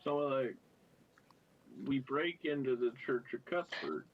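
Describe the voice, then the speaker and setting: A man's voice: mid-range voice, slow pace. A man playing a tabletop roleplaying game, blunt and eager to fight. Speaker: player. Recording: dull lo-fi mic with crowd noise.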